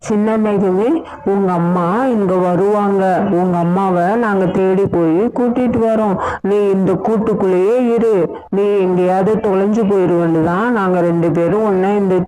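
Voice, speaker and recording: A woman's voice: mid-range voice, fairly even intonation, normal speed, mellow, close to an everyday voice, rough recording. A woman voicing a scheming, bossy female crow in a cartoon, speaking in a commanding, crafty way.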